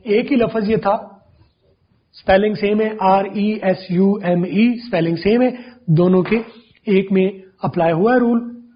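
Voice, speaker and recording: A man with a high, husky voice gives a patient pronunciation lesson. He repeats each word and sound slowly, over and over, to demonstrate it. The recording is dull and lo-fi. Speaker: English pronunciation teacher. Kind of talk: classroom-style explanation.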